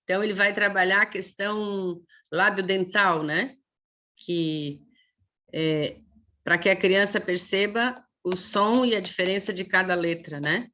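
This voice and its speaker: A woman with a Brazilian Portuguese accent gives a lecture to teachers, explaining things patiently, tagging her sentences with "né?" and drawing sounds out slowly to demonstrate them. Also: mid-range voice, pushed and bright. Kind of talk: online lecture.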